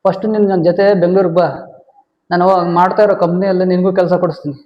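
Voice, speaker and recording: High fast-talking man, echoey room. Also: little pitch movement, dull audio. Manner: persuasive, reassuring talk. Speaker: visiting uncle from the city. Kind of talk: village comedy short-film acting.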